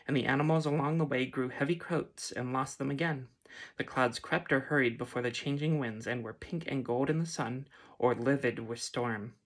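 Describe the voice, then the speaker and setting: A man gently reading a fantasy story aloud in a soft ASMR style. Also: medium pitch. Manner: gentle, unhurried. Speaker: reader.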